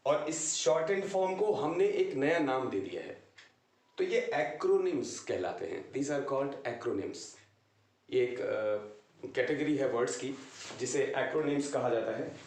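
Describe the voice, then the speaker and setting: A man teaching English grammar, explaining slowly and deliberately and switching between Hindi and English. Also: a little high, darkish tone, roomy sound. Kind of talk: grammar lesson.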